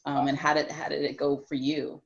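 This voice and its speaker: A woman's voice: sits low, level tone, brisk, vocal fry. Affirming female panel moderator. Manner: affirming, many "mm-hmm" and repeated starts. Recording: dull lo-fi audio.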